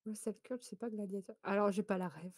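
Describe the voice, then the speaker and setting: A woman's voice: mid-range voice, fairly even intonation, fairly quick, darkish tone, dry recording, studio quality. A woman from France hosting a photo quiz on a live stream, chatty and laughing often as she greets viewers.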